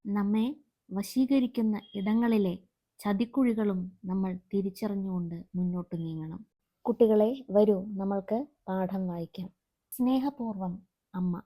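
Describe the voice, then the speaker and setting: A woman's voice: medium pitch, measured pace. A woman teaching a Malayalam lesson to schoolchildren, reading the text aloud with expression. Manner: expressive reading with acted voices.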